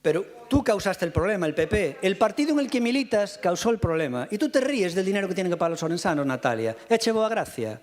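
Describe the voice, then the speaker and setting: Combative high-voiced man. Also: very animated. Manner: combative, rapid rebuttals, addresses opponents directly. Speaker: mayor answering in a council session. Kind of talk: heated council debate reply. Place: city council chamber. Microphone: fixed podium microphone.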